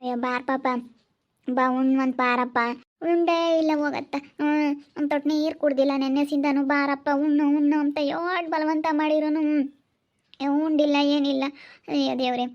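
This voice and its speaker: A woman's voice: high voice, fairly even intonation, moderate pace, a little mellow, lo-fi sound. A woman with a rural Chitradurga Kannada accent playing an older village mother who coaxes and soothes with repeated pleas in a village family drama. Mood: consoling. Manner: coaxing, repetitive soothing.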